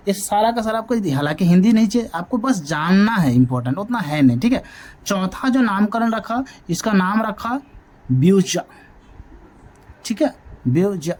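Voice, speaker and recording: A man's voice: high-pitched, lively intonation, moderate pace, long pauses, darkish tone. A male math teacher giving a classroom lecture, often asking a question and then answering it himself. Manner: drills points by asking and answering his own questions.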